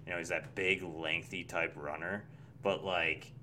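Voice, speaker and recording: Male sports podcast panelist, low register, sharp forceful tone, casual chat. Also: level tone, unhurried.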